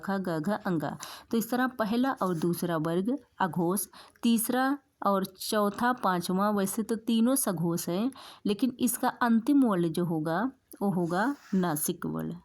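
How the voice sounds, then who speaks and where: Female teacher, exam-prep lecture, steady explanatory delivery, repeats key points, average-pitched voice. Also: a little slow.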